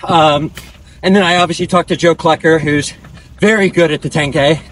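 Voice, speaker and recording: Young man, fairly high voice, casual interview answers, breathy short phrases while running, faint outdoor noise. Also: steady tone, normal speed, a bit bright, low-quality recording. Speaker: professional distance runner being interviewed. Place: outdoors on a dirt country road, on the move.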